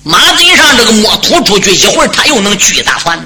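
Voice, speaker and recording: A man performing traditional storytelling, dramatic and animated, speaking directly to his listeners. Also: high voice, fast talker, loud music behind the voice.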